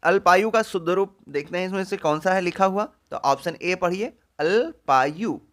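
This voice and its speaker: Guy with a high voice doing exam spelling practice, says each word slow and drawn out, trails off low at the end of each answer. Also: a bit bright. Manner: repeats each word slowly, stretching syllables. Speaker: exam prep teacher. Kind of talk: Hindi spelling lesson, going through answer options.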